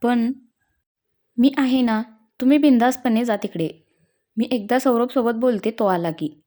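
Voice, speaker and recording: A woman's voice: fairly high pitch, unhurried, dark tone, natural voice. A woman voicing a caring, bashful young bride in a spoken story, talking in a reassuring way.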